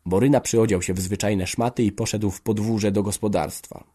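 A man narrating a classic novel aloud in a steady, measured storytelling voice. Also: fairly low pitch, husky.

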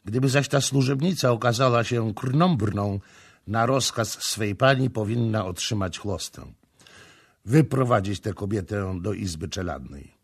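A man voicing a young prince who gives cold, measured orders in an audiobook. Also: fairly low pitch, vocal fry, husky, exaggerated voice. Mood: cold commanding. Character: young male prince, commanding and coldly vengeful. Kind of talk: audiobook character reading.

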